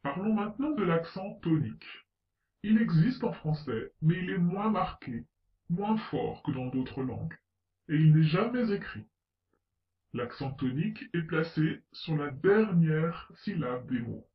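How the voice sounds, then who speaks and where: A man giving a scripted pronunciation lesson, slowly spelling out letters and example words. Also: on the high side, animated. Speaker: French pronunciation teacher. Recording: roomy, distant, slightly dull sound.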